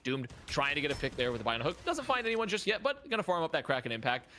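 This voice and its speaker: A male esports caster calling the action and breaking down plays in rapid, energetic commentary. His bright voice moves quickly and rises and falls with real liveliness, and he slips jokes in among the analysis. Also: a little high.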